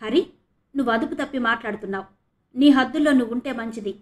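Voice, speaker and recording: Brief: woman narrator doing a firm, indignant young man, high-ish voice, audio novel. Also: fairly quick, close to an everyday voice. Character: upright young man, quick to anger.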